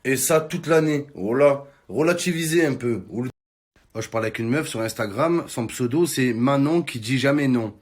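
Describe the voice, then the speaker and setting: A man's voice: medium pitch, normal speed. A man doing a casual comic rant to his followers, slangy, teasing and exclamatory. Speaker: social media comedian.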